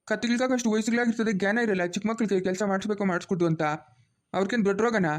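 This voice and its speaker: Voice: mid-range voice, natural voice. A cartoon voice of a stern, protective middle-aged village father, lecturing bluntly.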